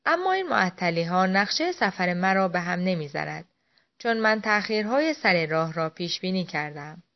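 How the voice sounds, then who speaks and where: A composed English gentleman traveler, voiced by a woman narrator speaks in a measured, unhurried way. His lines rise and fall with a lively lilt, and the audiobook recording sounds dull and lo-fi. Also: fairly low pitch. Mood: calm. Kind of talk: audiobook reading.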